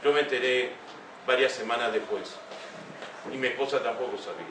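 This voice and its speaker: An older man speaks earnestly to a young audience, stopping often to ask rhetorical questions. His voice comes from some way off the mic in an echoey room, with steady room noise behind him. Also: mid-range voice, fairly quick. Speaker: speaker giving a talk. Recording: echoey room heard from a distance.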